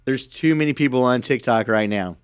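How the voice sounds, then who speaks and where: A man's voice: mid-range voice, fairly quick, clean tone, no room sound, clean studio sound. Rambling male podcast co-host. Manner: rambling, repeats words, animated storytelling. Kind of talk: casual chat. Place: radio station studio.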